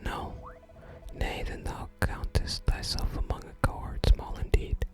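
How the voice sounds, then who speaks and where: An ASMR gamer voices a wistful, wandering male bard from a fantasy game, whispering his florid, archaic lines unvoiced in a natural voice. The mood is lofty and musing, the phrasing theatrical, and the pace measured. Faint music plays behind.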